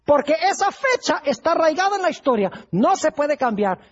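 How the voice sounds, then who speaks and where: A man's voice: very high-pitched, sing-song, normal speed, lo-fi sound. A male pastor preaching a sermon, putting rhetorical questions to his congregation.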